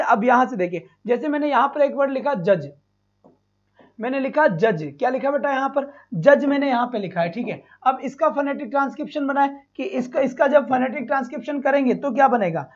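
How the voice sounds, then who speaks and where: A male teacher runs a live online exam-prep class, calling students "beta" and repeating sounds slowly. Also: very high voice, expressive. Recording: dull lo-fi stream.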